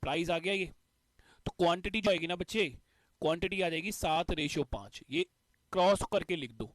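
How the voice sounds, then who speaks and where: A man's voice: sits high, normal speed, no room sound. A male teacher explaining a math concept step by step, repeating the key points. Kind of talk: exam-prep math lesson.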